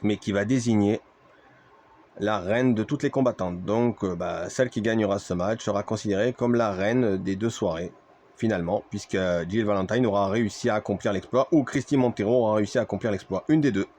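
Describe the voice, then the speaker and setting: A man's voice: lowish voice, brisk, darkish tone. A man giving play-by-play wrestling commentary on a video game match, speaking to his viewers like a ringside commentator with repeated exclamations.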